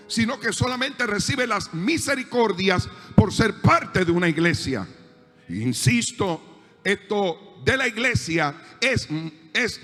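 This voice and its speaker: A man's voice: sits high, a bit bright, long reverb tail. A male pastor with a Panamanian accent preaching a sermon, building emphasis and acting out the voices in his stories. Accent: Panamanian Spanish. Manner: preaching with rising emphasis, acting out dialogue in anecdotes. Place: church hall.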